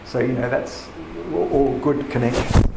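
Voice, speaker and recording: A man's voice: mid-range voice, fairly even intonation, normal speed, gravelly. A man leading a poetry class, talking with enthusiasm and many restarts as he rambles. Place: room with paintings, a group seated. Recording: echoey room with background noise.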